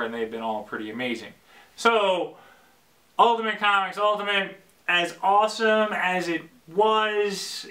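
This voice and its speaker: Bright, excitable man rambling solo. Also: fairly high pitch. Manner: excitable, rambling, swings into loud bursts. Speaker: podcast host. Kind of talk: casual solo talk. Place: basement.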